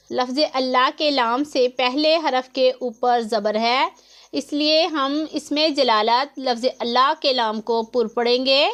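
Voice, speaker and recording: Woman, high voice, unhurried, patient tajweed lesson, close mic. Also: fairly bright tone. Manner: patient, explains each letter and its length. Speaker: Quran recitation teacher. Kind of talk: slow step-by-step tajweed lesson.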